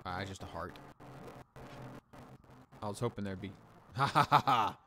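Streaming a video game from home, a man gives playful, animated let's-play commentary, reading game text aloud and humming along. His voice sits on the low side at a measured pace, with background noise behind him.

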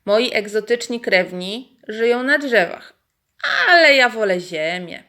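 A woman voicing a calm, courteous male grass snake in a children's storybook. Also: a little high, measured pace, voice pushed up. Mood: friendly. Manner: polite and reassuring.

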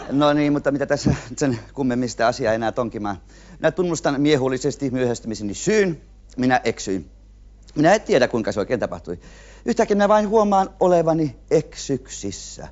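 A man's voice: medium pitch, a little mellow. A male TV host rambling through a punning, self-mocking comic monologue. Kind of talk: comic monologue to a studio audience. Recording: dull 1970s TV audio with audience.

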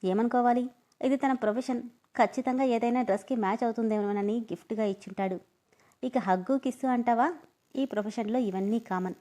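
A self-assured young man who grills his friend with pointed questions, as a woman narrator puts him on. His voice sits fairly high and firm. The storybook telling stays close and direct. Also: brisk, dark tone, natural voice. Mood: amused. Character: confident young man, amused then stern.

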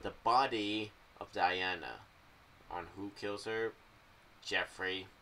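Steady yet bright and forceful, a young adult creator talks through fan theories without a script, pausing and wandering off track. A boom-arm mic with pop filter and a pair of headphones capture him in a small room at home, on a noticeably noisy recording.

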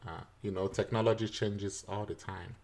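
A man teaching a screen-recorded software tutorial, explaining each step patiently, with frequent fillers and chuckles. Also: fairly low pitch, steady tone, normal speed.

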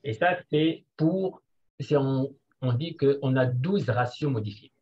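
A man speaks in a medium voice over muffled, dull online audio. He works through figures slowly and deliberately, stopping often to hesitate. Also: medium pitch, darkish tone. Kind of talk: seminar presentation.

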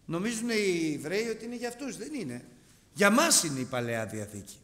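A middle-aged man preaching a sermon with passion, rising to shouts and dropping to quiet asides. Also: high-pitched, big pitch swings. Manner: impassioned, swings between shouting and quiet asides. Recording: long hall reverb.

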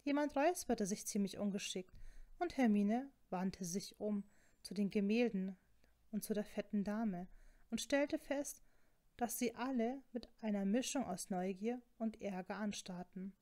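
A woman's voice: medium pitch, unhurried, dark tone. Woman reading a story aloud. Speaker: fan fiction reader. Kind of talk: storybook narration.

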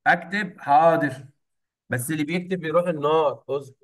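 A fairly high-pitched man speaking Egyptian Arabic, running a revision lesson in a classroom. He coaxes his students patiently and says the key points again and again. The sound is roomy and echoey, picked up from some distance away. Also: fast. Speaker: English teacher. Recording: echoey room, mic at a distance.

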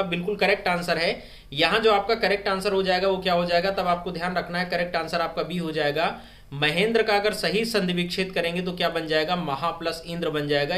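A man teaching a live online grammar quiz, repeating each question and urging viewers to comment their answers fast. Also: fairly high pitch, a bit bright. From India. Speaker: online exam-prep teacher. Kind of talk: live-stream Hindi grammar quiz lesson.

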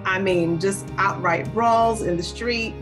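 A woman's voice: medium pitch, slow, music in the background. A woman pastor in her forties preaching a sermon to a webcam from a small room, earnest and conversational, asking her listeners questions. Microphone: webcam on a video call.

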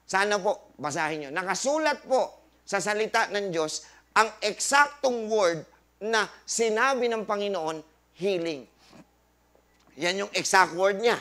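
A high, bright-toned man lectures a live audience at a health forum. He talks like a preacher, firing rhetorical questions, quoting scripture and dropping jokey asides. He slips English phrases into his Tagalog. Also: lively intonation, unhurried. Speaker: doctor hosting a health forum.

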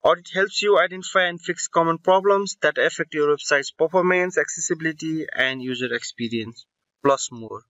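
Bright-voiced man narrating a tech tutorial. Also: a little high, normal speed, no room sound, lo-fi sound. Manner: explanatory, with fillers and self-corrections. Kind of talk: screen-recording tutorial voice-over.

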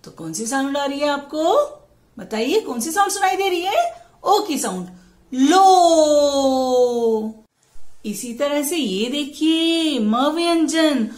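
A woman with a high voice teaches young children, reciting rhymes and asking questions she answers herself. She talks slowly and patiently and. The room gives her voice a clear echo. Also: big pitch swings. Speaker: primary school teacher. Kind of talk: teaching children Hindi matras and reciting poems.

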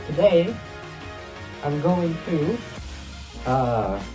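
A man's voice: on the high side, sing-song, very slow, over music. A young man vlogging in a fursuit, talking from inside the costume head in a rambling, hesitant, goofy way. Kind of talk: casual vlog chat. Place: bedroom indoors.

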